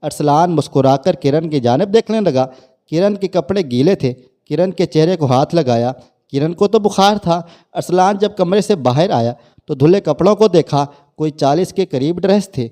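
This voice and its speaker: A man narrating a scripted family story in a plain, steady way. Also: fairly high pitch.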